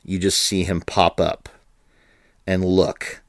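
A man co-hosting a podcast in casual chat, laughing often and filling pauses with ums and restarts. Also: low voice, level tone, vocal fry, no echo, studio quality. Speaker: podcast co-host.

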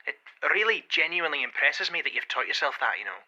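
A blunt, foul-mouthed football man, played by a man,, teasing and crude in a comedy audio drama. His voice is bright and forceful, set a little high. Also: sing-song, fast talker, dull audio, heavily acted.

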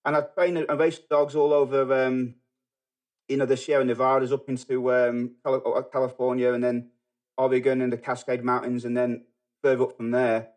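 A middle-aged man from England with a Manchester accent, talking as a podcast guest in a halting way, full of fillers and restarts. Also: mid-range voice, little pitch movement, a little mellow. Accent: Manchester English. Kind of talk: casual podcast conversation.

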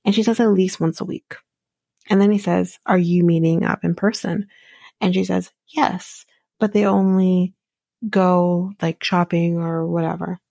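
A slow, gravelly-voiced woman with a lowish, slightly mellow voice hosts a podcast recapping a reality show. She's opinionated and chatty, often saying "like" and "um" and laughing at her own asides, on a dry recording.

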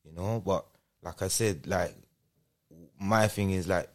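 London roadman, low-voiced and chatty. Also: measured pace, a little mellow. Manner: repeats checking tag phrases. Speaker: interview guest. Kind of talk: casual street-slang interview chat.

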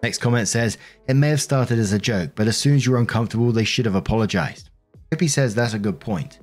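A man reads forum posts aloud at an even, middle pitch. Between posts he gives blunt opinions in his own words. Faint music plays behind him. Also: quick pace. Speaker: story narrator. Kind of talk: reading Reddit stories with commentary.

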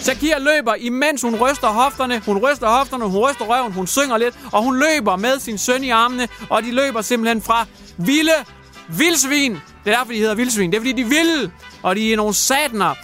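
Male radio host, high voice, crude comic storyteller, light music under him. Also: pushed and bright. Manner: jokey, crude, theatrical retelling. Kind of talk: comic radio news chat.

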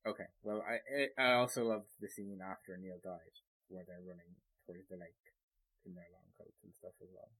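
A man's voice: low-pitched, flat delivery, moderate pace, sharp tone, slightly rough, poor audio. A man co-hosting a podcast, chatting casually and gushing with enthusiasm, swearing and restarting his sentences. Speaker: podcast co-host. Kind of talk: casual chat.

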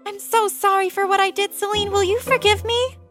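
A woman's voice: very high voice, fairly even intonation, a little fast, fairly bright tone, faint music behind, pitched above the performer's own voice. A woman voicing an eager, sweet young girl sidekick. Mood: apologetic. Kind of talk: storybook podcast acting.

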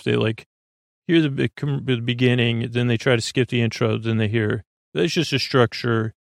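A sleep podcast host with a gravelly, fry-edged, mid-pitched voice rambles through an unscripted bedtime monologue, halting, trailing off and making repeated false starts as he drifts between thoughts. His tone is reassuring and low-pressure, and the recording is close and dry with no surrounding room.

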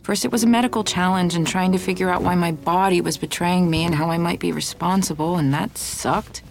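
A woman's voice: fairly low pitch, fairly even intonation, a little fast, gravelly. A woman playing an anxious wife hoping to adopt, who keeps apologizing and talks herself through things in an audio drama. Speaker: wife preparing for an adoption home visit.

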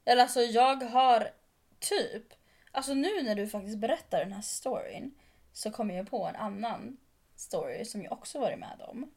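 A woman's voice: fairly high pitch, expressive, a little mellow, breathy edge. A young woman co-hosting a podcast, telling a story in casual chat with dialogue acted out. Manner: chatty, acts out dialogue while retelling. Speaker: podcast co-host.

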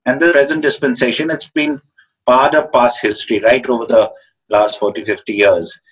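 A man's voice: mid-range voice, steady tone, fairly bright tone, breathy edge. Man, 70s, posh Indian English accent, hesitant reflective interviewee, dull lo-fi audio. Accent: educated upper-class Indian English. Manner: halting, hesitant, searching for words. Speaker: interviewed author. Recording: dull, muffled lo-fi call audio.

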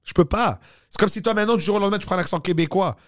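Animated Québécois comedian, fairly high voice. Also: male voice, very fast. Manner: animated storyteller sprinkling English slang. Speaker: comedian guest. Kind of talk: casual podcast chat.

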